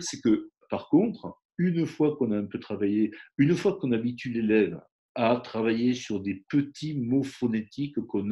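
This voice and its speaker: A man's voice: mid-range voice, warm tone, muffled recording. A man, a phonetics professor, explaining pronunciation teaching in an interview and demonstrating examples aloud.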